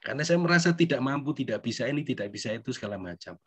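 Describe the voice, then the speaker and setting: In a church hall, a middle-aged Indonesian priest gives a recollection talk in a chatty, self-deprecating style, constantly tacking on friendly tag questions. His pitch is in an ordinary middle range, and his delivery is animated, rapid-fire, and slightly rough.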